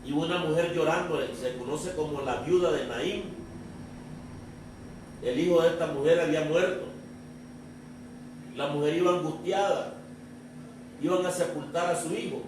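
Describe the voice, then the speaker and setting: A male pastor with a high-pitched voice delivers a sermon, pressing the congregation with question after question. He is recorded in a very echoey church, picked up from a distance with a faint hiss underneath. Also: normal speed, pauses often, a little mellow. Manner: preaching with repeated rhetorical questions.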